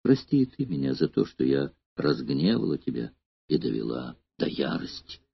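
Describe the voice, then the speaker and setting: A man's voice: a bass voice, very animated, moderate pace, creaky, slightly rough, no echo, voice pushed down, full character voice. A man voicing a young female courtesan who pleads and feigns tenderness, in an audiobook reading. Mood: tender. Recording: dull lo-fi dry recording.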